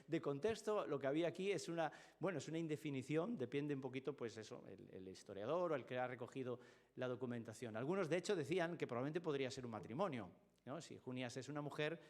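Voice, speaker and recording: A man with a Spain Spanish accent preaching in a church, explaining a scripture text with frequent rhetorical questions. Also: medium pitch. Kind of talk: expository sermon.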